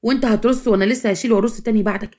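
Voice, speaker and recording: A stubborn young Egyptian wife defends herself in quick, tumbling sentences, as a woman narrator puts her on. Her voice sits on the high side and hurries along. She sounds pleading and defiant at once. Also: steady tone, dark tone, lightly acted. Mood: apologetic. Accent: Egyptian Arabic.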